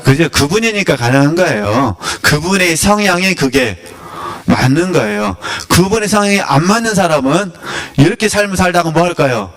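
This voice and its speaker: A man's voice: a little high, very animated, moderate pace, fairly bright tone. A man giving a casual, sermon-style teaching, conversational and often asking his listeners questions with a chuckle. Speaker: teacher of a spiritual academy.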